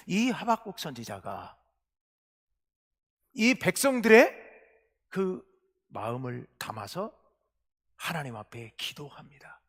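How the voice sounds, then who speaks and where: A male pastor preaching a sermon, asking questions and answering them himself, moving between hushed asides and loud, impassioned cries. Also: high-pitched. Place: church sanctuary. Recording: long reverb of a church hall.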